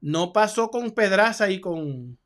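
Cuban guy on a boxing show, high voice, keeps talking over his buddy, teasing. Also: lively intonation, slow pace, fairly bright tone. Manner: contrarian, teasing, talks over his partner. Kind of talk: heated casual sports debate.

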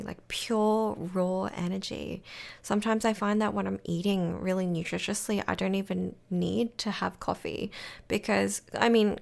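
Woman with a gravelly morning voice. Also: medium pitch. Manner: rambling, reassuring, many fillers. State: morning voice, cracking. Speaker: podcast host. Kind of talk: casual solo podcast talk.

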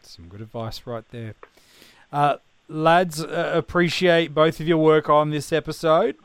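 A man's voice: fairly high pitch, measured pace, smooth, dry recording. An Australian man hosting a podcast in a casual, conversational style. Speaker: podcast host.

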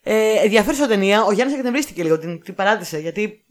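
A woman's voice: mid-range voice, expressive. A woman co-hosting a podcast, chatting casually about films and steering the talk back on track. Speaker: podcast co-host. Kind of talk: casual film review chat.

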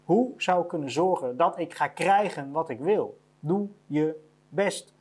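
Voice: medium pitch, lively intonation, moderate pace, slightly rough. A business owner giving a blunt motivational monologue about career advice, repeating each point to hammer it home.

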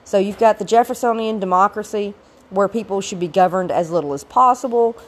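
A woman recovering from a cold, her voice gravelly and medium-pitched, gives an informal recorded history lecture at a brisk pace. As the teacher, she adds explanatory asides.

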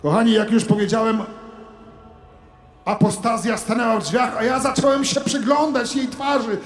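A man delivering a satirical sermon monologue as a comic preacher, theatrical, moving from hushed asides to shouted preaching. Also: extremely high pitch, fairly even intonation, normal speed, roomy sound, long reverb tail, soft background music.

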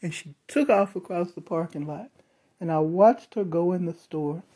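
A storyteller calmly recounting a first-person eerie encounter with measured pauses. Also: mid-range voice, slightly rough. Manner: slow, measured retelling with dramatic pauses.

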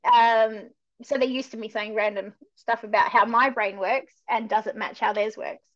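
Woman guest dog trainer, high pitch, eager and affirming; dull lo-fi remote audio. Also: fairly even intonation, a bit bright. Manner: eager and affirming, quick agreements. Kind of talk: casual conversational chat.

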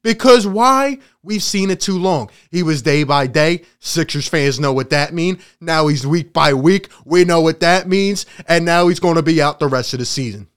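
High-voiced man ranting gleefully about sports. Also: moderate pace, few pauses, clear, resonant tone. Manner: animated, gloating, laughs often. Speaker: sports vlogger. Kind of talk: casual sports rant.

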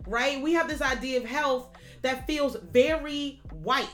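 American woman, thirties, blunt, emphatic casual talker with a slightly high voice. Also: a little slow, a bit bright, faint music behind. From United States. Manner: frank and emphatic, swears freely. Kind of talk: casual conversation.

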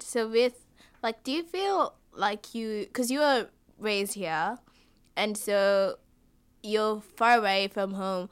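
A woman's voice: mid-range voice, clean tone. A young woman interviewing someone casually, peppering her questions with "like" and letting her sentences trail off. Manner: casual, many "like" fillers, trailing off softly.

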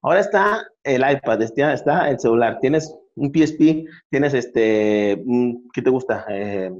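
A man's voice: mid-range voice, expressive, a little slow, a little mellow, lo-fi sound. A middle-aged man with a Mexican accent, telling funny stories in casual chat as show host, with many restarts. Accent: Mexican Spanish. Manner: joking storyteller, many restarts.

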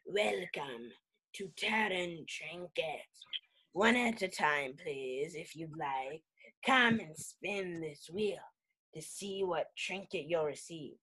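Woman playing a hushed, polite tiefling shopkeeper. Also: on the low side, animated, exaggerated voice. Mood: polite, inviting. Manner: courteous, unhurried sales patter. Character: large male tiefling shopkeeper, polite and soft-spoken.

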